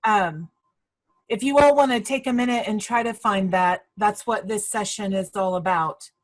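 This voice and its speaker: A woman on college staff answering instructors' questions during a video call training, speaking in a measured, informative way with frequent fillers. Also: mid-range voice, poor audio.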